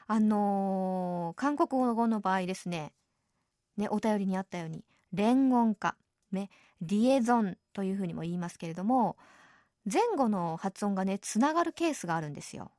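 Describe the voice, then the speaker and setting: A woman hosting a radio program in a chatty, easygoing way, often adding soft tag particles as she explains things. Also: medium pitch, expressive, moderate pace, no echo, clean studio sound. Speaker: radio show host. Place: radio studio.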